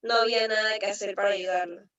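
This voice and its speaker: A woman's voice: fairly even intonation, fast, a bit bright. Young woman reading, away from the mic. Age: young adult. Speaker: student presenter. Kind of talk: class presentation. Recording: distant, muffled low-fi recording.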